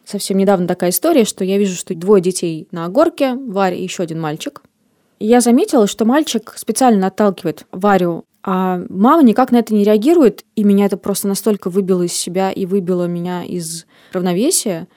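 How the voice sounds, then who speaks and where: A woman's voice: medium pitch, a little fast, warm tone, dry recording, clean studio sound. A woman in her thirties, a podcast host telling stories in casual chat. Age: 30s. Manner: reflective, storytelling.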